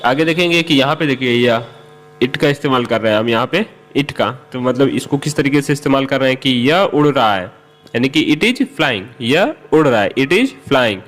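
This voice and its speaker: A man's voice: medium pitch, a bit bright. Man explaining an English lesson. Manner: slows down for English example sentences. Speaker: English teacher.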